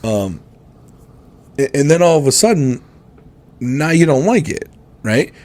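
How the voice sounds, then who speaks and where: A man's voice: fairly high pitch, lively intonation, a little slow, a little mellow. A man in his forties co-hosting a podcast, talking bluntly and ramblingly with plenty of swearing. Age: 40s. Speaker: podcast co-host. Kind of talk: casual podcast chat.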